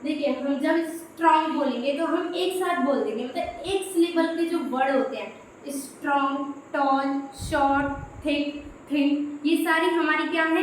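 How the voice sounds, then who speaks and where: Female grammar teacher, high voice, strong room echo, faint hiss behind. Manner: explains step by step, repeating "dekhiye". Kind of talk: Hindi classroom-style grammar lesson. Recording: very echoey room, faint background noise.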